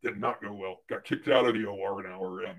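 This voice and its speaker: A young man, a guest on a livestream, telling a work story casually with lots of "like" and restarts, getting loud when he quotes someone. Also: lowish voice, fairly quick. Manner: animated storyteller, fillers and restarts, loud when quoting others. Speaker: guest, former medical device rep.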